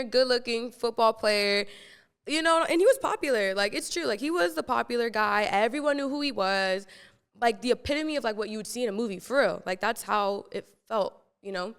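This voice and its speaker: Her voice sits on the high side, fairly bright, clear and resonant, trailed by a long reverb. The young woman, a podcast host from the San Francisco Bay Area, shares personal stories casually, slangy and full of fillers.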